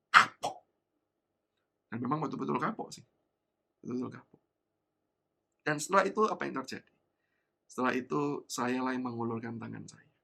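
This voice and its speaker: A male preacher delivering a sermon, his storytelling animated and full of acted-out voices. His voice sits a little high, with a gravelly edge and a bright, forceful tone. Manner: animated storytelling, acting out voices with big pitch swings. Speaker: pastor. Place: church service.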